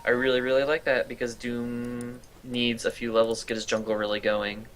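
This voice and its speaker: A man's voice: medium pitch, flat delivery, brisk, fairly bright tone, a little hiss or hum. A young man casting an esports match, talking casually with fillers and easy laughs. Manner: chatty, laughs easily, trails off with fillers. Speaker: esports caster. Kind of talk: casual game commentary.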